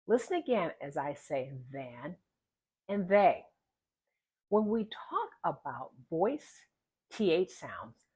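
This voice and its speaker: Female pronunciation coach: unhurried, lively intonation, slightly husky, with exaggerated, deliberate articulation for drills. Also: fairly low pitch. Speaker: pronunciation teacher. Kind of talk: instructional pronunciation lesson.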